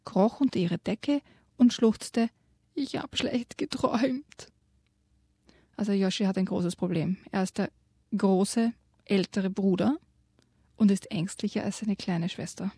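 A woman's voice: mid-range voice, measured pace, breathy edge, dry recording, clean studio sound. Woman reading a children's story aloud. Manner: lively storyteller, whispers for suspense. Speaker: guest presenting a children's book.

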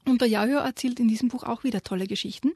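A woman co-hosting a radio show, lively retelling and reading aloud a children's story, giving quoted lines their own voice. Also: a little high, racing, slightly rough, dry recording, studio quality. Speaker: radio co-host presenting children's books.

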